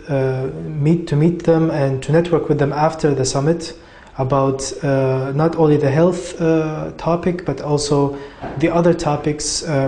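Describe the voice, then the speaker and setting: A man's voice: fairly high pitch, warm tone, echoey room. A man in his twenties from Iraq, a youth delegate, answering interview questions hesitantly with many fillers. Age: 20s.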